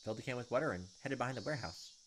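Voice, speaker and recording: Rapid-fire and mid-range, this gameplay host reads visual novel narration at his desk on webcam, interrupting himself with blunt, informal reactions. The background is noisy, with game music and insects audible.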